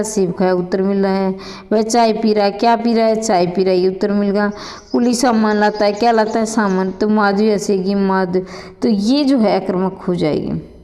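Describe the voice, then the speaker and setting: Woman teacher walking students through exam answers, mellow highish voice, long reverb. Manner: addresses students as children, repeats questions and answers aloud. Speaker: Hindi exam coaching teacher. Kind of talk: exam answer walkthrough lesson.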